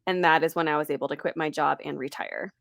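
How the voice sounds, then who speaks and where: A woman in her late twenties speaks candidly and reflectively as an interview guest, laughing lightly at times. Her low-pitched voice is fast with vocal fry and fairly even intonation, captured in a dry, clean studio recording.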